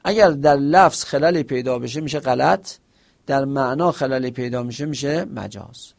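Gravelly-voiced man teaching a lesson. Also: mid-range voice. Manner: explains with examples and asks himself questions; quotes Arabic phrases within Persian speech. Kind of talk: seminary lesson on Arabic rhetoric.

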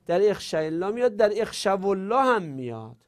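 Male grammar teacher, slightly raised pitch, patient explanatory lecture with slow repeated examples. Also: sing-song. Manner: explanatory, repeats forms slowly and asks rhetorical questions. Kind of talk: classroom lecture.

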